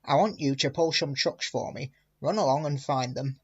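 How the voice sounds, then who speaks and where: A man voicing a stern but kind railway boss, measured and fatherly, in a storybook reading. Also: fairly high pitch, breathy edge, highs cut off. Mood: firm.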